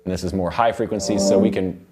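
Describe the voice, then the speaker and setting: His voice is low, his intonation fairly even, and he talks fast. This young man is an audio production instructor running a casual, informal software tutorial in a studio control room, explaining loosely over session music playback.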